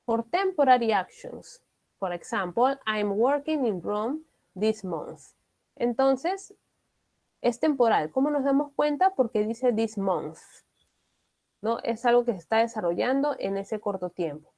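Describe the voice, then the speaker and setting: A woman's voice: fairly high pitch, expressive, a little slow, a little mellow. A woman, teaching an online English class. She explains step by step and often checks in with her students.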